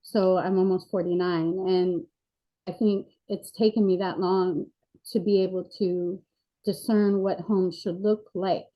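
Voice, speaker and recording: A woman in her forties, appearing as a guest in a candid personal interview over a video call, speaks earnestly and reflectively with frequent fillers. Her voice is lowish and mellow, with flat delivery at a measured pace. The sound is dull and lo-fi.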